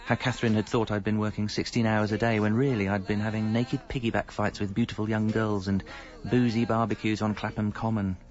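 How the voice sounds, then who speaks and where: The narrator and lead of this radio comedy is a middle-aged British husband, played by an actor, owning up to his double life in a wry, confessional, self-deprecating, articulate way. He speaks fairly low and level, quite quickly, barely pausing, with only light acting. Faint music plays under a dull lo-fi recording.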